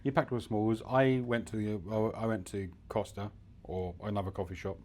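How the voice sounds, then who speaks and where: A man co-hosting a casual podcast at home, telling stories in an animated, joking way. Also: fairly low pitch, fairly quick. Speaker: podcast co-host. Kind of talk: casual chat. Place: home in the UAE.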